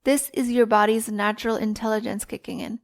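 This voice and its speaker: A woman life coach giving a calm, deliberate teaching talk on her solo podcast. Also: on the high side.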